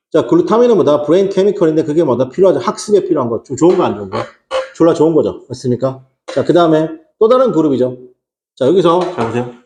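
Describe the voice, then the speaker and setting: Lively Korean English teacher, echoey room. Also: male voice, fairly high pitch. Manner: rhetorical questions, repeats "어떻게 한다?"; casual slang and teasing asides. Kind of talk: exam-prep lecture.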